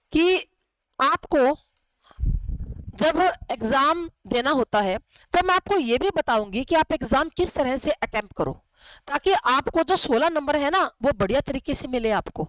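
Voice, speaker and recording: Woman teacher, high voice, chatty lecture, asks and answers herself, dry close sound. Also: expressive, unhurried, a bit bright, dry recording, rough recording. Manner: conversational, asks and answers her own questions. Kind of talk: classroom lecture.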